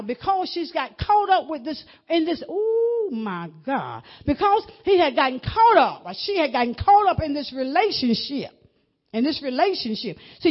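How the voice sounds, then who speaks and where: A woman preacher delivering a booming, exhortative, impassioned sermon in a husky voice, repeating phrases for emphasis. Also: dull audio. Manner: repeats key phrases for emphasis, rhetorical questions.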